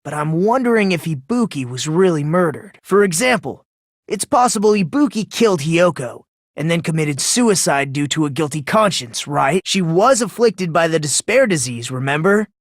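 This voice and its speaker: An actor voices a polite, self-loathing, eerily excitable teenage boy in an English video game, musing softly in calm reflection and prone to breathless gushing. His mid-range voice moves at a moderate pace in a clean, dry studio recording with no room sound.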